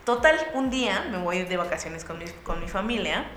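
A young woman with a Mexican Spanish accent, telling a lively anecdote to friends and acting out the voices of the people in it. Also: on the low side, moderate pace, reverberant, slight background noise. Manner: lively storyteller acting out voices with bursts of laughter.

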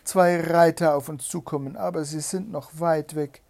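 A man's voice: unhurried, vocal fry, a little mellow, heavily acted. A man reading a fairy tale aloud and voicing a young sister who calls down her reports in a raised voice. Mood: calling. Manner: high, calling out reports. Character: young sister keeping watch from a tower.

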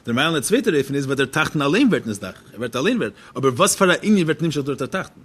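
Fast-talking husky man teaching. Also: fairly high pitch, sing-song, fairly bright tone. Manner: poses questions and then answers them. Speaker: religious teacher. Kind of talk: religious text lecture.

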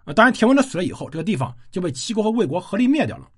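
A podcast storyteller recounts ancient history in a relaxed, chatty manner, breaking into everyday asides. The voice is husky and its pitch rises and falls a lot. It sits close on the microphone. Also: very fast. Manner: lively conversational retelling with colloquial asides.

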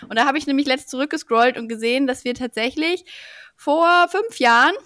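A woman from Franconia co-hosts a podcast, telling a story casually with light laughs. Her voice sits a bit high, and the recording is dry and close. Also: a little fast, a bit bright, smooth, dry recording. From Franconia, Germany. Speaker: podcast co-host.

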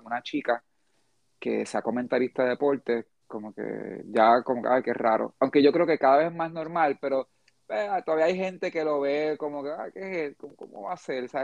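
A man's voice: mid-range voice, no room sound, muffled recording. A man hosting a casual podcast interview, chatty and rambling with frequent restarts. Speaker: podcast host.

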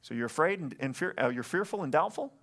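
Here a male pastor talks fast in a slightly high, animated, somewhat bright voice. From the stage of a church sanctuary, through a stage mic, he preaches an earnest sermon, calling for amens and repeating phrases along the way.

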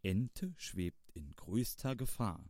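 A wise owl lectures her friends in a self-assured, self-important way, voiced by a man reading a storybook. The voice is dark and mellow, and it sounds dry. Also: on the low side, expressive, slow pace, no room sound. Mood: knowing.

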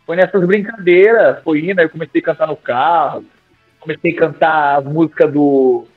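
A young man, a singing teacher, telling animated, slangy stories in a podcast interview and acting out his own old lines. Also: a little high, moderate pace. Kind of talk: casual storytelling in a podcast interview. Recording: tinny phone-like sound with faint music.

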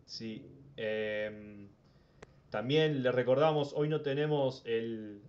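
A man's voice: mid-range voice, takes it slowly, a little mellow, muffled recording. A Uruguayan man hosting a casual sports talk podcast, rambling and often repeating words as he thinks. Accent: Uruguayan Spanish. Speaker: podcast host.

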